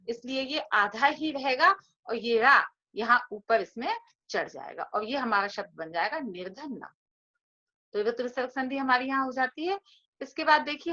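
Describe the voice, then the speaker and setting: A woman's voice: high-pitched, bright, forceful tone. A woman teaching Sanskrit grammar in a patient, step-by-step lecture, repeating each point. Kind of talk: explanatory classroom lecture. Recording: dull lo-fi recording.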